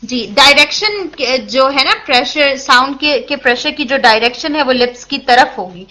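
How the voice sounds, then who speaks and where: Woman, recitation teacher, high pitched, patient explaining, asks rhetorical questions. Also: sharp tone. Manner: patient, explanatory, mixes English words into Urdu; checks in with listeners, asks and answers her own questions. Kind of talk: tajweed lesson, explaining and demonstrating.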